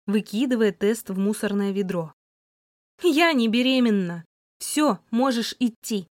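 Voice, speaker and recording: A woman narrating a first-person novel as an audiobook, lively and voicing the heroine's sharp retorts. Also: mid-range voice, no room sound, studio quality.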